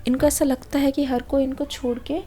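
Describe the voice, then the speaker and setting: A woman gives a tarot reading to her viewers. Her voice sits high but sounds mellow and warm. She explains patiently and keeps dropping in a reassuring filler as she goes. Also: little pitch movement, normal speed, slight background noise. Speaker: tarot reader.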